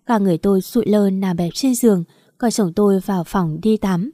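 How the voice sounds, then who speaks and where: Woman storyteller, mid pitch, mellow, dry close mic. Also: a little fast, dry recording. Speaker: narrator. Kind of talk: first-person story reading.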